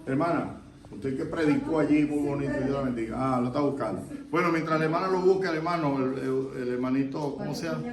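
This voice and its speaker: A man's voice: medium pitch, quick pace, a crowd in the background. Preacher questioning his congregation, echoey church. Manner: asks the congregation questions, repeats answers. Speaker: pastor. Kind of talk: interactive sermon with congregation reading. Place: church during an evening vigil. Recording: echoey church, distant mic, background noise.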